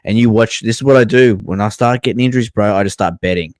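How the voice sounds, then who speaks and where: A man's voice: lowish voice, fast talker, dry recording. A man hosting a casual sports podcast, talking in a blokey, slangy, sweary way. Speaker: podcast host.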